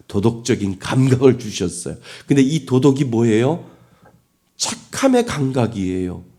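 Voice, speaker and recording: A man's voice: medium pitch, dark tone. A middle-aged man preaching a sermon as pastor, asking the congregation rhetorical questions.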